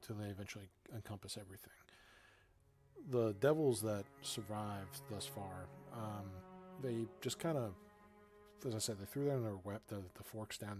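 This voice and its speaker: A man narrating a tabletop game as game master, improvising haltingly with pauses mid-sentence. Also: fairly low pitch, darkish tone, faint music behind.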